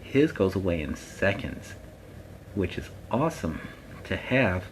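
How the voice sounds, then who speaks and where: A man plays Spider-Man as a friendly masked superhero hosting a children's story time. The voice sits fairly low, and he rambles along casually, explaining things in simple words. There is some noise in the background of the recording. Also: sing-song, measured pace. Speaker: host of a story time series.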